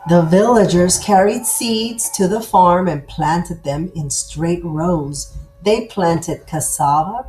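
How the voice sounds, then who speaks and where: A woman reading a children's story aloud as storyteller, with deliberate, dramatized phrasing. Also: on the low side, warm tone, slight background noise, rough recording.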